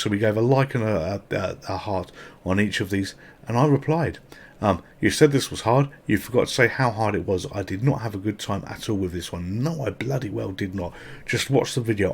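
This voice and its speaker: Husky man chatting about retro games. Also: fairly low pitch, darkish tone. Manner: chatty, swears casually. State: sore mouth from toothache. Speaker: retro gaming channel host. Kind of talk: casual gameplay commentary.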